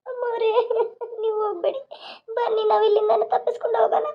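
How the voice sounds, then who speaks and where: A woman's voice: very high-pitched, flat delivery, fast talker, voice pushed up. A woman voicing a devoted housemaid who earnestly pleads with her employer. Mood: pleading. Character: devoted female maid, loyal and motherly. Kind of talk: cartoon voice acting. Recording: dull lo-fi sound.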